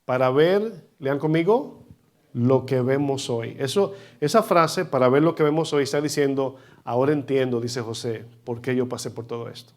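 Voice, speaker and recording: Male pastor in a church service. Emphatic preacher who questions the congregation directly. Big swings between loud and soft phrases. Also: mid-range voice, moderate pace. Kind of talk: sermon.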